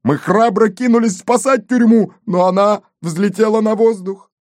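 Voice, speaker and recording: A man voicing an excitable, wounded male gendarme who boasts and shouts in a storybook reading. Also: on the high side, measured pace, dry recording, clean studio sound, voice pushed up, close to an everyday voice. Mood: panicked boasting.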